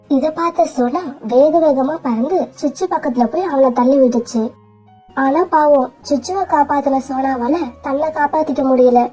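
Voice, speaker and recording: High mellow woman narrating a cartoon. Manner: plain, storytelling. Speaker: storyteller.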